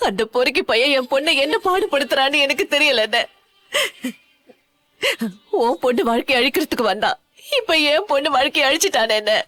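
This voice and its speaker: This is a distraught middle-aged mother from a dubbed TV serial, voiced by a woman. She pleads and wails through her tears in a high voice. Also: expressive, brisk, pushed and bright. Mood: pleading. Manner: tearful, pleading, wailing.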